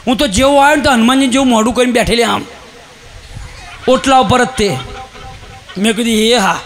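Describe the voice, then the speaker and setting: A man with a Gujarati accent telling a comic story on stage, animated and shouting punchlines as he acts out the people in it. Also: extremely high pitch, a little fast, a faint crowd. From Gujarat, India. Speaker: stand-up comedian.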